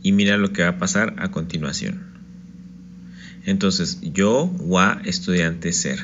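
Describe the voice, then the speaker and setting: A man's voice: low-pitched, measured pace, fairly bright tone, dull audio, slight background noise. A man teaching an online Japanese lesson, patiently explaining step by step and often checking in with "ok?".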